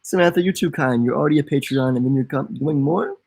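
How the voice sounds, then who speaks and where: A man's voice: a little high, fast, gravelly, a little mellow, slightly rough, dry recording. A young man from the United States co-hosting a casual live stream, joking and reading viewer comments aloud. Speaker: co-host of a travel channel.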